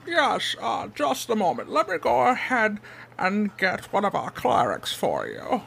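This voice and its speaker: A man's voice: high voice, wildly swooping pitch, measured pace, gravelly, fairly bright tone, pitched above the performer's own voice, full character voice. A man voicing a frail, polite very old man who attends a temple, in a tabletop role-playing game. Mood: obliging. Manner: very old man, eager and obliging.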